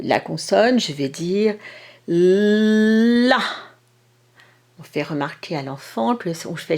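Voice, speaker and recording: A woman, a kindergarten teacher explaining an exercise to parents, speaking slowly and stretching out sounds and syllables. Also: on the low side, creaky. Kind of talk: instructional video for parents.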